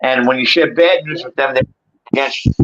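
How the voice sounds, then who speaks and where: The speaker is a man in his sixties, a livestream chat guest whose mid-range voice moves a little fast and sounds fairly bright. Chatting casually without a script, he curses freely and fills his streetwise speech with bro, dude and man. The recording has dull lo-fi stream quality and clear background noise.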